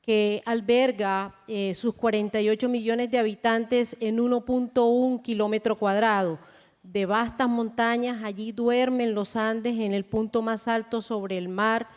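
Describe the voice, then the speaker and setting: Colombian woman panelist, raised pitch, measured delivery, reverberant hall sound. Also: steady tone, a little mellow. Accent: Colombian Spanish. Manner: measured, deliberate, with frequent fillers. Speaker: panel speaker. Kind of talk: conference presentation. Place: large conference hall.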